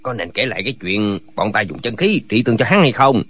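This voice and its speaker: A man's voice: fairly low pitch, big pitch swings, fairly quick, a bit bright, slightly rough, exaggerated voice. A man voicing a group of quarrelsome, foolish male martial hermits in a radio drama reading, bickering back and forth.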